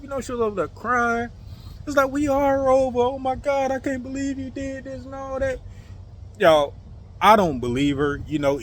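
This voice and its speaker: A man telling a personal story to his viewers in a casual, animated way, full of fillers and swearing, acting out the sounds. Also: on the high side, a little hiss or hum.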